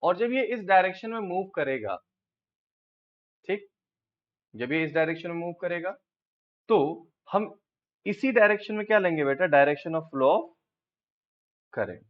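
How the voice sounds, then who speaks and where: Indian man teaching physics, slow and dull-toned. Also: sits high, animated. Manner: explains step by step, asks students quick check questions. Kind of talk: classroom lecture, Hindi-English mix.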